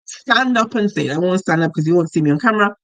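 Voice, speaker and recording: Animated chatty woman coach. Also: fairly low pitch, quick pace, no echo, low-quality recording. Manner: animated, acts out quoted voices; chatty, laughs while talking. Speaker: money mindset coach. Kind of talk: casual live teaching.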